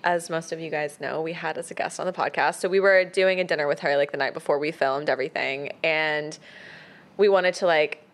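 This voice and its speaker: A young woman co-hosting a podcast in casual chat, relaxed and quick to agree. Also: low voice. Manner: relaxed, frequent short agreeing replies. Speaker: podcast co-host.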